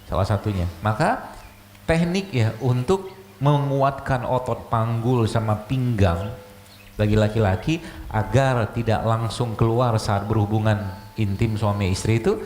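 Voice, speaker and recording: A man's voice: lowish voice, a little slow, darkish tone. A man, a doctor giving a religious health lecture, chatty and full of rhetorical questions. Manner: conversational, rhetorical questions, frequent "gitu loh" asides. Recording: echoey room, faint ambient noise.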